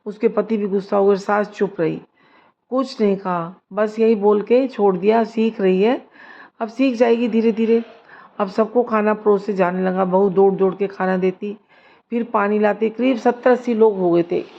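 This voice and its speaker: A woman reading a moral family story aloud at a slow, measured pace. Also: mid-range voice, fairly even intonation, creaky, lo-fi sound. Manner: slow, measured reading, lifts voice for the mother-in-law's lines.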